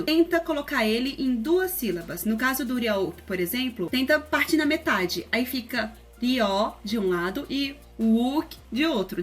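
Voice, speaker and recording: Girl doing a chill pronunciation lesson, kinda high voice, soft music under her, says words over and over. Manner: chatty, repeats words slowly and carefully. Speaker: Korean pronunciation teacher. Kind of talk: casual video lesson.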